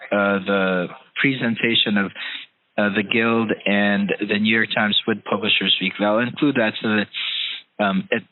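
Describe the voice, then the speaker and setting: Heard over a tinny phone line, this podcast host has a lowish voice, a steady tone and a measured pace. He interviews his guest in an earnest, hesitant way, his speech full of "you know" fillers.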